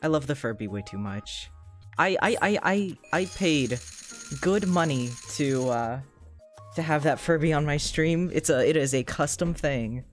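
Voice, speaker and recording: A livestreamer in casual chat while playing a game, excitable, swearing freely and often repeating words. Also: medium pitch, a little slow, faint music behind.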